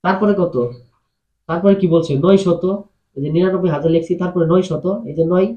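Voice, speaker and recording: A man's voice: high-pitched, fairly even intonation, fairly quick, muffled recording. A man teaching a math lesson, explaining patiently and asking his students questions as he goes. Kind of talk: classroom-style math lesson. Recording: echoey room.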